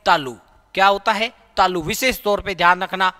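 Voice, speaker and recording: A man teaching a grammar lesson, repeating key terms as questions and answering them himself, and sounding out letters slowly. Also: high voice, bright, forceful tone, in a large hall. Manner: demonstrates sounds aloud, drawn out. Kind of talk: classroom-style grammar lesson.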